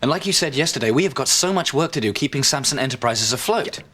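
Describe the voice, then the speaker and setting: An actor playing a hot-headed adult son who talks in an agitated, sarcastic, confrontational way. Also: male voice, mid-range voice, expressive, fast talker, fairly bright tone. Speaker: son in family business. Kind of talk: soap opera acting.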